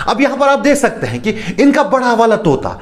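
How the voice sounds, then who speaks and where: A man's voice: extremely high pitch, sing-song, brisk, heavy background noise. A man hosting a critical commentary video, speaking in a mocking, sarcastic way. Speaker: online commentator.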